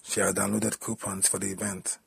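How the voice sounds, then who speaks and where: A man reading a story aloud in a plain, steady storytelling manner. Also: lowish voice, fairly quick, vocal fry, breathy edge, no room sound, rough recording. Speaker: story narrator.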